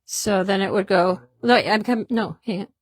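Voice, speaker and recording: A woman's voice: medium pitch, normal speed, dry recording, studio quality. A woman hosting a casual product demonstration in a fabric shop, chatty and upbeat, often repeating herself.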